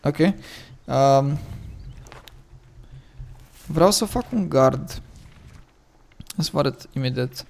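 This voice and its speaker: A man with a Romanian accent chatting casually as he plays and thinks aloud, his voice a little hoarse from the early morning. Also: mid-range voice, expressive, pauses often. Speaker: gaming commentator. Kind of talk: casual gameplay commentary.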